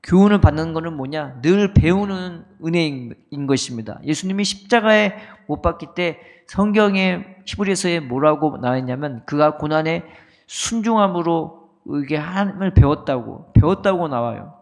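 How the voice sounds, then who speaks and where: A man's voice: on the high side, expressive, moderate pace. A male pastor preaching an early-morning sermon with emphatic, repeated phrases and a rising and falling delivery. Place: church sanctuary. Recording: long reverb of a church hall.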